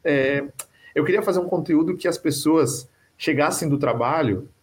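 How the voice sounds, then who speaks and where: A man's voice: fairly high pitch, moderate pace, husky. A man with a Brazilian Portuguese accent explaining himself casually as a podcast guest, often tagging phrases with little questions. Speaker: podcast guest, video creator. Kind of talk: casual interview talk.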